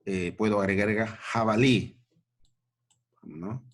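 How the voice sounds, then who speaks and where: Brief: unhurried male teacher with a lowish voice, checks in with students often. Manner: slow, repetitive, checking in with "¿no?" and "¿ya?". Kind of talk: grammar lesson at a board.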